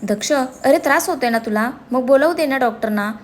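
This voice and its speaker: A woman's voice: sits high, fairly quick, a little hiss or hum, natural voice. A woman voicing a fiery, emotional young woman. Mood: feisty. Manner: emotional, feisty.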